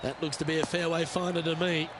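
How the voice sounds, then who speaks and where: A man voicing a golf commentator, calling play-by-play in a measured, encouraging way. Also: fairly high pitch, level tone, natural voice. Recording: music and crowd noise behind. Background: music, crowd.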